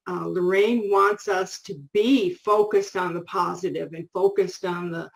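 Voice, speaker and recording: A woman's voice: fairly low pitch, gravelly, rough recording. A middle-aged woman co-hosting a casual show about books, chatty and full of restarts and asides. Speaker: co-host.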